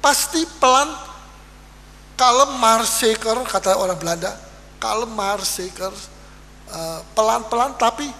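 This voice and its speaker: A pastor preaching a sermon in a church, animated and lively, acting out little quoted exchanges. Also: male voice, sits high. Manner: animated preaching with acted-out quotes and Dutch sayings. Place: church hall. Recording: reverberant church hall, faint hum.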